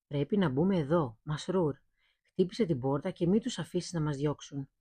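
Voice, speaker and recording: A curious caliph in disguise speaks politely, barely holding back his laughter, as a woman telling a fairy tale plays him. The voice is mellow and husky. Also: low voice, no room sound. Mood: amused. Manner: polite, amused.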